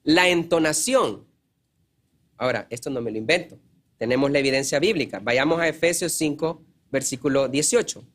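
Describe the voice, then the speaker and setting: A man preaching from the pulpit in an earnest, teaching way. His voice sits a little on the high side, and he repeats key phrases for emphasis. He stops now and then to clear his throat. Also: moderate pace, fairly bright tone. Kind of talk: sermon.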